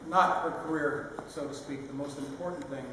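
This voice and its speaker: An older man giving a sentimental, lightly humorous father of the bride speech, halting with pauses mid-phrase. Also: fairly high pitch, steady tone. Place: large reverberant room at a wedding reception. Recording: echoey hall, distant mic, noisy room.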